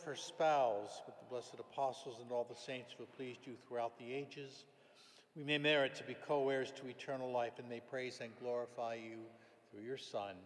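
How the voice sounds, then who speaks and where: A man speaking as a priest at Mass, reciting solemn prayers in formal, measured phrases with emphatic swells, in a cathedral echo. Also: mid-range voice. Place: large reverberant church. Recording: cathedral echo, long church reverb, background noise.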